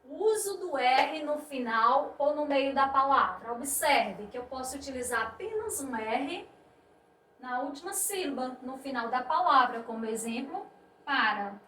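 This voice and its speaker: Slow, high-voiced teacher, echoey. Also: female voice, animated, pushed and bright. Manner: slow, explanatory, repeats points with "isto é". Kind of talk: spelling lesson. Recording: echoey room, voice a bit distant, faint noise.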